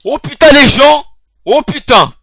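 A young man commentating his own gameplay, swearing, shouting at the game, laughing and half-singing to himself. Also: extremely high pitch, expressive, measured pace, dry recording. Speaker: gaming video creator.

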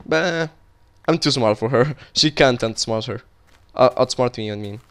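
A young man with a Colombian Spanish accent rambles through casual commentary over his gameplay, drifting between stories and what he's building. His voice is smooth, clear and ordinary in pitch, a little slow, and he restarts sentences often in a relaxed, conversational way.

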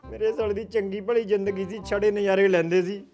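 A man playing a high-voiced squabbling village husband. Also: fairly even intonation, brisk, over loud music. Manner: loud, teasing, quarrelsome banter. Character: lazy bickering village husband, middle-aged man. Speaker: actor in a comedy sketch. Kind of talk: rural comedy sketch acting.

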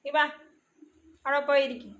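A woman's voice: high voice, steady tone, normal speed. A woman from Kerala at home indoors, talking to her dog in a coaxing, soothing baby-talk way. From Kerala, India. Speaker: dog owner vlogger. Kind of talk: casual talk to a pet dog.

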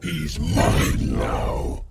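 An actor playing an ancient, menacing shadow creature that snatches children in a video game, speaking with theatrical, mocking politeness. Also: male voice, rumbling low, wildly swooping pitch, very slow, gravelly, exaggerated voice. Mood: gloating menace. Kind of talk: video game character acting. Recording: loud background music.

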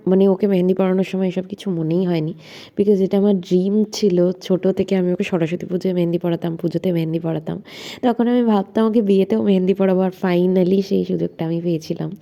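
A woman's voice: mid-range voice, creaky, mellow. A young woman narrating her vlog in a chatty voice-over, mixing in English words. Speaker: vlogger narrating her friend's wedding.

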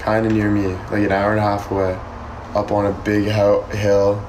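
A man in his early twenties casually chatting on a livestream, reading and answering viewer comments in a relaxed, rambling way, recorded close on a phone. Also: on the low side, normal speed, slight background noise, poor audio. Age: 20s. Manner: relaxed, rambling, answers chat questions aloud. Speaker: livestream host. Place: small bedroom indoors. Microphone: phone held close, front camera.

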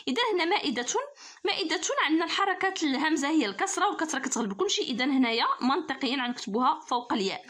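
A woman's voice: sits high, expressive, very fast, a bit bright. A woman teacher with a Moroccan Arabic accent who works through a grammar test for pupils, laying out each rule patiently and step by step. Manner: patient, explains rules step by step.

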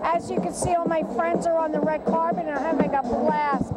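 A woman with a very high voice delivers gushing red carpet chatter as a host. Her manner is theatrical and effusive. Loud music plays all around her interview. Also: steady tone, a little fast. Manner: theatrical, gushing, calls listeners darlings. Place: crowded indoor event red carpet. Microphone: handheld microphone.

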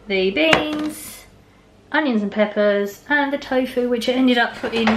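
A woman's voice: on the high side, a little hiss or hum. A woman chatting casually through a home cooking vlog, rambling and poking fun at herself. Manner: chatty, self-deprecating, rambling with fillers. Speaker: vlogger. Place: home kitchen, voice-over on cooking footage.

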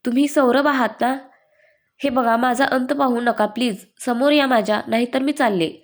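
A woman voicing an emotional, quick-tempered young woman who scolds fast and breaks into sobs. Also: on the high side, steady tone, lightly acted. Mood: irritated scolding. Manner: rapid, scolding then sobbing speech.

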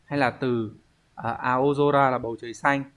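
A man teaching an online language lesson, explaining step by step at an unhurried pace and thinking aloud with pauses. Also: mid-range voice, fairly even intonation, a bit bright. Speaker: Japanese teacher.

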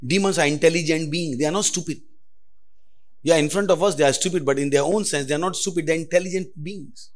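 Emphatic preacher man, fairly high voice. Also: fast. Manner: preaching with call-and-response to the congregation; emphatic, repeats phrases, lively rises and drops. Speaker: pastor. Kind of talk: sermon. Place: church.

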